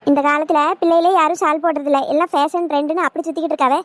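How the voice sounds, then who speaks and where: A woman's voice: high voice, steady tone, racing, slight background noise, close to an everyday voice. A woman voicing a bold, bossy older village woman in a cartoon. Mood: daring. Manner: bossy, coaxing.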